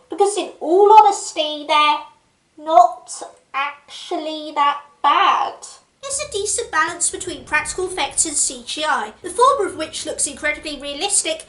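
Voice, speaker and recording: A woman's voice: high-pitched, a bit bright, echoey room. A woman hosting a comedic film review show, delivering scripted commentary in a sarcastic, theatrical, mock-dramatic way.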